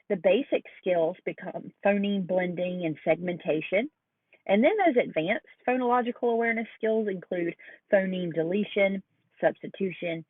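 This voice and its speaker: A woman giving a recorded lecture on early reading skills, slowing down to model sounds and words carefully. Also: mid-range voice, dry recording. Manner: slow, deliberate modeling of sounds. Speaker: teacher educator. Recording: dry, phone-like lo-fi audio.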